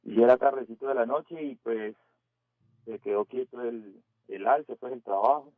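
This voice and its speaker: Caller on a tinny phone line. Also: male voice, medium pitch, dry recording. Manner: hesitant, full of pauses and fillers. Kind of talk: telling a scary story on a call-in radio show.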